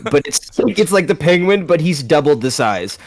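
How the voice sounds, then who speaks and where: A man co-hosting a podcast, talking in an excited, rambling way and laughing often. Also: fairly high pitch, moderate pace, crowd noise. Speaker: podcast co-host. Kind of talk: casual podcast chat.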